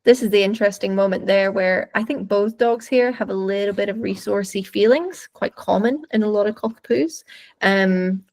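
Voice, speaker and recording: A woman's voice: mid-range voice, moderate pace, darkish tone. A woman dog trainer giving webinar commentary over videos, explaining thoughtfully and searching for words as she goes.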